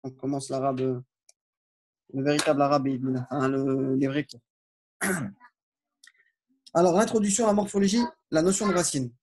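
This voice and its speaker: A man giving an online Arabic lesson in French, reading phrases aloud slowly and then explaining them informally. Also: on the high side, darkish tone, a little hiss or hum. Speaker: Arabic teacher.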